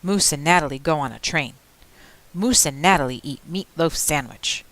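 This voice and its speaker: A woman's voice: low voice, normal speed, fairly bright tone. A woman reading a young girl in short simple phrases. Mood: flat, simple. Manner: speaks in short, simple repeated sentences.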